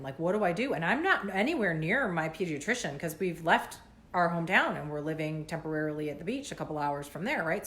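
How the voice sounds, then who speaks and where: A woman's voice: fairly low pitch, fairly bright tone. A woman in her thirties vlogging as a mom, talking in an anxious, rambling way with many fillers and a runny nose. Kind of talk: casual vlog rant.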